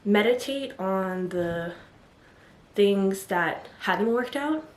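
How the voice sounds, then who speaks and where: A woman with a mid-range, animated voice stands in an indoor room, vlogging to camera with self-love advice. She talks slowly in a rambling, chatty way, full of "like" and apologetic asides, a little out of breath. The sound is roomy.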